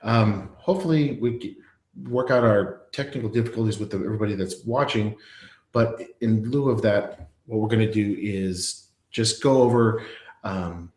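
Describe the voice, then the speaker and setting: A man's voice: fairly low pitch, moderate pace, a little mellow, reverberant. A man hosting a live online presentation, talking it through with many fillers and restarts. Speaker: presenter of a live web session. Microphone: earpiece in, talking to an online audience.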